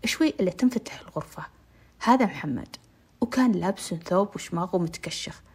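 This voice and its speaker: A woman's voice: on the low side, expressive, fairly quick, darkish tone, breathy edge. A woman narrating a dramatic first-person story in an intimate way, slipping into whispers. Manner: intimate, dips into whispers at tense moments.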